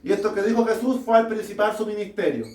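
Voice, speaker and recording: A man preaching a sermon to a small congregation, slow and deliberate, putting rhetorical questions to his listeners. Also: sits high, a little mellow. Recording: echoey room, mic far off.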